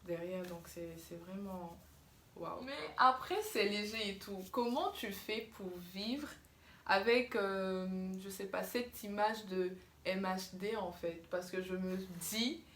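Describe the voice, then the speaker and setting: A woman's voice: mid-range voice, fairly bright tone, a little hiss or hum. A young woman hosting a casual video interview, chatty and encouraging toward her guest. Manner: chatty, encouraging, quick to laugh. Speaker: YouTube host, interviewer. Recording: echoey room, faint ambience.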